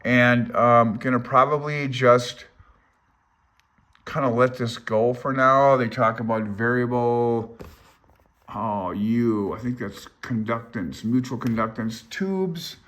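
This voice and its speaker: An older amateur radio hobbyist presents a handbook in a casual, unscripted read-along, his medium-pitched, slightly bright voice taking things slowly. He rambles and thinks aloud, openly unsure of himself.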